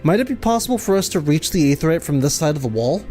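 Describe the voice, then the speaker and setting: A man's voice: fairly high pitch, expressive, fast, dark tone, faint music behind. A man streaming a game, reading its dialogue aloud, tripping over fantasy names and laughing often.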